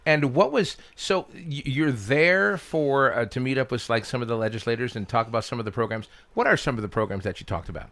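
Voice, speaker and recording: A man's voice: mid-range voice, a little fast, hardly any pauses, fairly bright tone. Joking, chatty radio host man. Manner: casual, joking, chatty questions. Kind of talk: radio interview. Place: radio studio.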